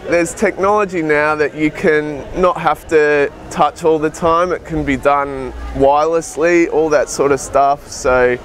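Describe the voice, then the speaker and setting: A man with a fairly high voice speaks very slowly in a casual vox pop. There is faint noise around him. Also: fairly even intonation. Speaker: member of the public.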